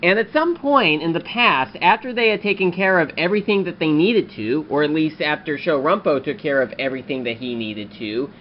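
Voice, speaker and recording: A man's voice: a little high, expressive, a little hiss or hum. Guy rambling thru a toy review, lots of uhs, kinda muffled audio. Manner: rambling, frequent filler pauses. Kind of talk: casual toy review talk.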